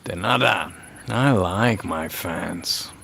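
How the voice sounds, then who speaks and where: Vain spanish-speaking movie star, husky gravelly, slow drawl, game voice. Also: male voice, deep voice, pushed and bright, exaggerated voice. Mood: lazy boastful. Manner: sprinkles Spanish words, lazy drawl. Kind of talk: game voice acting.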